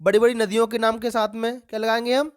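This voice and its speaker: A woman's voice: on the high side, little pitch movement. Woman teacher quizzing students aloud. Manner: asks the class questions and answers them herself; repeats key words slowly for emphasis. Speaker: English grammar teacher. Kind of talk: exam-prep grammar lesson for students.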